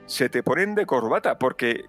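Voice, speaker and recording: A man tells a game story in a casual podcast. His voice is bright and forceful, and he keeps acting out little asides. Faint music runs underneath. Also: mid-range voice, normal speed. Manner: animated storytelling with acted asides. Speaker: podcast host. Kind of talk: casual chat.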